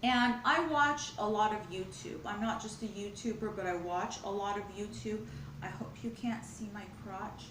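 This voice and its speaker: Woman vlogger, mid-pitched, rambling earnest chat over food, echoey home room. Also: normal speed, fairly bright tone, slight background noise. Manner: earnest, rambling, spiritual musing; talks with her mouth full. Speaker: mukbang vlogger. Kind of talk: casual chat while eating. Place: home, at a glass table.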